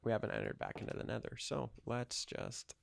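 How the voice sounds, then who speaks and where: Young man, gaming commentary, rambling with fillers, gravelly fry, dry close sound. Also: mid-range voice, wildly swooping pitch, fairly quick, dry recording. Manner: rambling, thinking aloud with many fillers. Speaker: gaming channel host. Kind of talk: casual commentary while playing a game.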